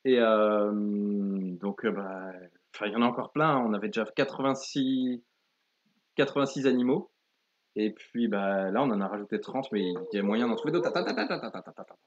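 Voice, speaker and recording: A man co-hosting a live board-game stream, explaining rules and results in a relaxed way. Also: fairly low pitch, moderate pace, muffled recording. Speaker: co-host of a board-game channel. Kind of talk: casual live game chat.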